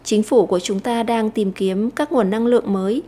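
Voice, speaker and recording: A Vietnamese woman teacher explaining an English lesson, slowing down to read English phrases aloud. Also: medium pitch, mellow.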